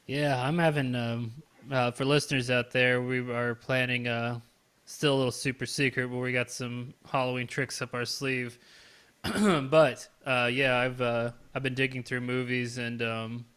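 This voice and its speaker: A man co-hosting a podcast in a relaxed, rambling way, laughing now and then. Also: medium pitch, a little slow, smooth. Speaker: podcast co-host. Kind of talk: casual chat.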